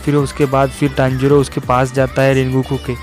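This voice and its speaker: A man's voice: medium pitch, completely flat delivery, a little fast. A young man casually retelling an anime episode as a recap narrator, who keeps saying "guys" and "yaar" as he goes. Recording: faint music behind.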